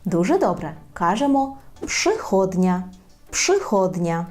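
A woman teaching a language in a video lesson, repeating words slowly and carefully. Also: medium pitch, sing-song, a little mellow, faint music behind. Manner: slow, careful repetition of words.

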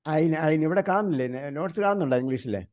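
A man from India teaching an online grammar class, quizzing his students with repeated questions and slowly reciting grammar terms. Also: a little high, darkish tone.

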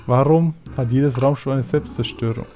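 A man talking casually over his game, with chatty asides and mumbled thoughts. His voice sits at an ordinary middle pitch. Faint music plays behind him. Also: steady tone, moderate pace, dark tone. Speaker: let's play gamer.

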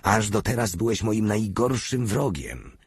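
A man's voice: fairly low pitch, very animated, a little slow, husky, dry recording, studio quality, exaggerated voice. A man voicing a simple-minded, hulking soldier who talks about himself in the third person, read as an audiobook character. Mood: pleading.

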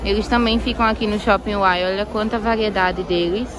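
A woman's voice: mid-range voice, steady tone, a little fast, a crowd in the background. A woman touring a clothing market on her phone camera, talking through a face mask and pointing things out to viewers. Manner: chatty, keeps saying "ó" and "olha só" to viewers. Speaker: shopping vlogger. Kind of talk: casual market tour vlog. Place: busy indoor clothing market. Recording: crowded market noise behind.

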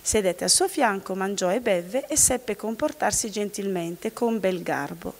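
A woman from the audience reading a fairy tale aloud in a steady storytelling manner. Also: medium pitch, a little slow. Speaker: volunteer reader from the audience. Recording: long hall reverb.

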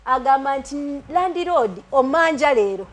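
High-voiced Ugandan woman hosting a show. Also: a little slow. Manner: animated, mixes Luganda and English. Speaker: TV show host. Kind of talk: studio interview. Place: TV studio.

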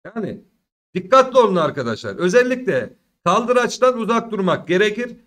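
A young man with a fairly high voice lectures his audience earnestly. He talks to them like friends and repeats his warnings to drive them home. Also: big pitch swings, brisk, fairly bright tone. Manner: earnest, preachy, addresses viewers as friends. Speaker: crypto market commentator. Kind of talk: casual talk to viewers.

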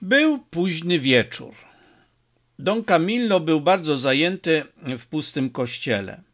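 A man reading an audiobook aloud in an expressive, measured way. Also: a little high. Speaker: audiobook reader. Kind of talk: audiobook narration.

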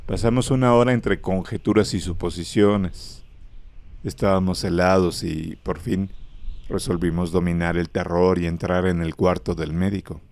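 A man narrating a horror story in a grave, measured way, close to the microphone. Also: low voice, fairly even intonation, a little mellow.

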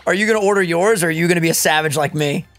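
Man, twenties, casual gaming chat, teasing, bright tone, faint music behind. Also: on the high side, no echo. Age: 20s. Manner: joking, teasing, quick laughs. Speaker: co-host of a gaming playthrough. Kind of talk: casual chat over gameplay.

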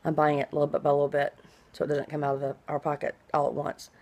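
In a small room at home, a middle-aged female vlogger talks fast in a completely flat, slightly mellow low voice. Her rambling, conversational style suits a video diary update, and her s sounds stretch into a hiss.

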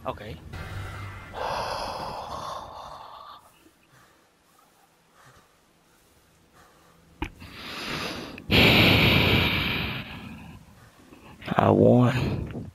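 A young man streaming a video game, commenting casually in an animated, joking, profane way. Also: fairly low pitch, extremely slow, creaky, pauses often, slightly rough.

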